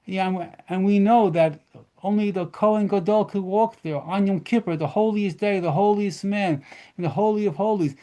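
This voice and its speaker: A rabbi telling lively stories at a model seder lesson, mixing in Hebrew terms. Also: male voice, high voice, moderate pace.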